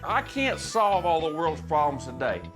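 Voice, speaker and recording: Animated man with an Alabama southern drawl. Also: a little high, normal speed. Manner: folksy, emphatic, ranting. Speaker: cattleman on a reality show. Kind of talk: reality show talk. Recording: music behind the voice.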